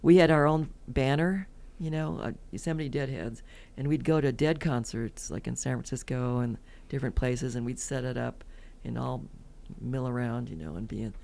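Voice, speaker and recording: Gravelly-voiced woman in her seventies. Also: a bass voice, moderate pace, few pauses, mellow. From California. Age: 70s. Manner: rambling, chatty, laughs often. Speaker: guest. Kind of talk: casual interview storytelling.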